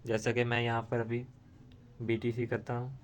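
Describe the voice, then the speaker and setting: A man's voice: mid-range voice, monotone, normal speed, slight background noise. A man, hosting a screen-recorded tutorial and explaining steadily, with frequent restarts. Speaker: tutorial host.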